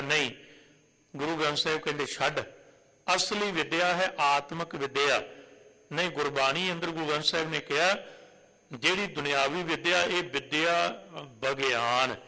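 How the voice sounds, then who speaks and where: A male preacher with a fairly high, very bright and forceful voice. He asks questions of the congregation, then draws out sacred verses in a slow chant. His voice rings with the long reverb of a big hall. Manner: poses rhetorical questions, then recites verses slowly and drawn out. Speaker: Sikh preacher. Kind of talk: sermon with recited scripture.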